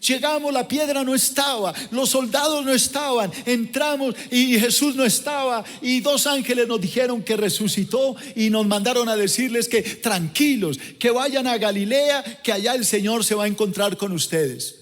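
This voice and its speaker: A man's voice: very high voice, normal speed, few pauses, fairly bright tone, long reverb tail, voice pushed up. A man voicing overjoyed women breathlessly announcing good news in a sermon. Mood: excited.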